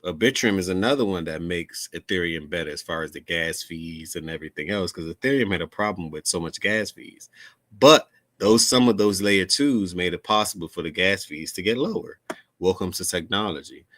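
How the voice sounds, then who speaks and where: A man's voice: low-pitched, normal speed, a bit bright, no echo. A man hosting his own crypto channel, talking loosely in a casual livestream with lots of fillers and repeated words.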